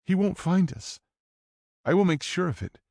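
A fierce, desperate young woman pleads in a raised, urgent voice that swings widely, as a man puts her on for an audiobook. Her tone pushes hard and snaps back quickly. The recording is close and dry, with no room sound. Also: high voice, lively intonation, a little mellow, no echo, voice pushed up. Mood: urgent pleading. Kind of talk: audiobook character voice.

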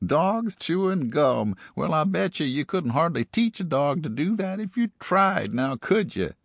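A man voicing a folksy, amused rural man with a slow drawl. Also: on the high side, very animated, vocal fry, no room sound, studio quality, pitched above the performer's own voice, exaggerated voice.

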